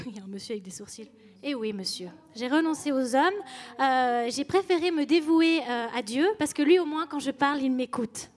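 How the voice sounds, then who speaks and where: Female comic, high voice, hesitant deadpan nun bit. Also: normal speed. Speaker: stand-up comedian. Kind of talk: stand-up comedy as a nun persona.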